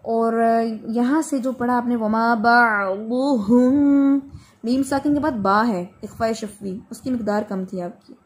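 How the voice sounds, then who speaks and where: A woman teaching Quran recitation in an online class. She patiently corrects a student and slows right down to model each phrase. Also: a little high, fairly even intonation.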